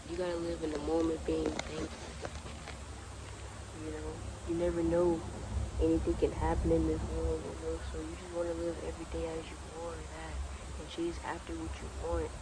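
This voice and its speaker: A vlogger in his twenties talks outdoors by the water about spirituality, his slightly high voice monotone at a moderate pace with frequent pauses. It's a noisy setting, and his motivational talk is casual, earnest, laid-back and repetitive.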